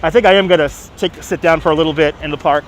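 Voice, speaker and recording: Rapid-fire and steady in tone, this middle-aged man's voice runs on the high side, with a Brooklyn accent. Out on Manhattan's busy streets for a casual walking live stream, he chats away, reads viewers' comments and replies aloud, and repeats himself, with city noise all around.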